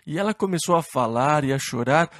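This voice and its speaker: A man with a fairly high voice leads an expository Bible study. He reads scripture slowly, then explains it in an easygoing way. The recording is close and dry, with no room echo. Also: expressive, a bit bright. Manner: reads verses slowly, then retells them conversationally. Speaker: Bible teacher.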